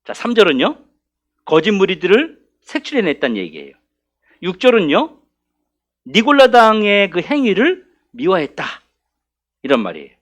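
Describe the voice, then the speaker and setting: A male pastor giving a conversational afternoon Bible study sermon in church, often putting questions to the congregation. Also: high-pitched.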